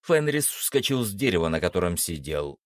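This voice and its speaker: A man narrating a fantasy audiobook in an expressive storytelling manner. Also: deep voice, moderate pace, no room sound, studio quality.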